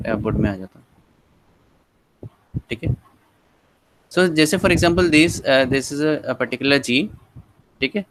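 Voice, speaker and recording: A man's voice: medium pitch, fairly bright tone, clean tone, dry recording, rough recording. A man teaching genetics, checking in often with his listeners. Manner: explanatory, frequent "theek hai" check-ins. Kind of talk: casual lecture mixing Hindi and English.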